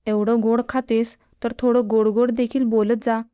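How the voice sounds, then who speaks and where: A stern middle-aged mother scolds in a spoken storybook, voiced by a woman reader. The tone is warm and smooth, heard close and dry. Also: a little high, level tone, moderate pace, no room sound, lightly acted. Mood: scolding.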